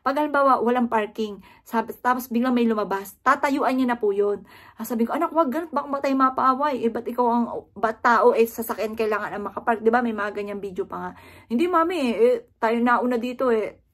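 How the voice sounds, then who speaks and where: A woman's voice: a little high, fairly quick, a bit bright. A middle-aged woman from the Philippines telling a heartfelt personal story to her viewers, earnestly addressing them and quoting her family in her own voice. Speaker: vlogger.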